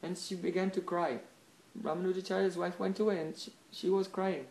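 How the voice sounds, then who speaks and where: Speaking in a high-pitched voice, a man acting as a spiritual teacher tells a devotional story with lots of animation. Between parts of the tale he checks in with listeners using a quick "huh?", and his voice echoes through the room.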